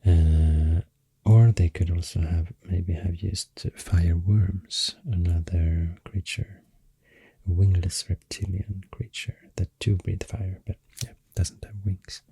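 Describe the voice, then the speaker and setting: A Swedish ASMR host murmurs a soft-spoken ramble close to the mic, his very deep, breathy voice often sinking near a whisper. He keeps a slow, soothing, fairly even intonation, and there's no echo.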